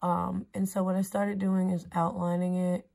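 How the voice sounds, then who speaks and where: A woman with a fairly low voice walks viewers through her makeup routine in a relaxed vlog. She keeps it chatty and playful, dropping slang and jokes as she goes. She sounds like she is talking indoors in front of a mirror. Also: moderate pace, gravelly. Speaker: beauty vlogger host. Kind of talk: casual makeup tutorial chat.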